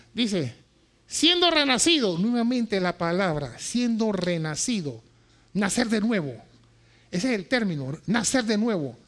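A pastor preaching with fervor, his voice high and gravelly, and sharp in tone. He swoops widely in pitch, bursting into shouts and falling back to hushed asides, and he hammers home phrases by repeating them. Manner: swings between shouting and quiet asides. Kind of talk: impassioned sermon.

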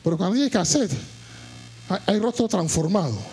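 A man preaching a sermon, moving from quiet storytelling to shouted, impassioned high points and repeating phrases for emphasis. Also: expressive, moderate pace, soft background music. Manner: repeats words and phrases while telling a story.

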